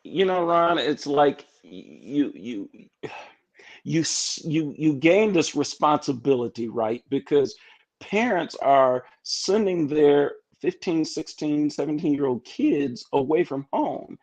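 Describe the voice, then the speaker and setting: A man's voice: a little high, animated, slow, a little mellow, poor audio. A man in his fifties, an educator and assistant pastor, telling stories in a casual interview with many restarts and fillers.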